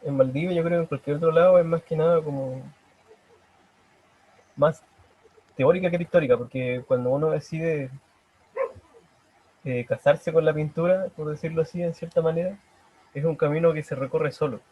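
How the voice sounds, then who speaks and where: A man's voice: fairly high pitch, fairly even intonation. Hesitant young Chilean man, lo-fi call. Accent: Chilean Spanish. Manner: hesitant, halting, many restarts. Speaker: painter, interview guest. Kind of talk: casual interview. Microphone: video call.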